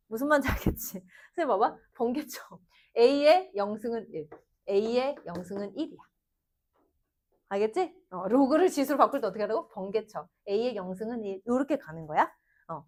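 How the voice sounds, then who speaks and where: A woman math teacher giving a lively classroom lesson, constantly asking her students questions. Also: fairly high pitch. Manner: lively, addresses students directly with frequent questions.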